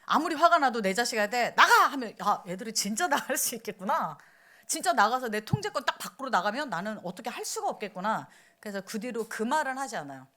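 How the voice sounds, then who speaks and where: A woman preaches a sermon in church, her voice pitched high and swinging widely up and down. She talks conversationally, putting questions to the congregation, and acts out angry outbursts in a raised voice. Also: fairly bright tone. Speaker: missionary preacher.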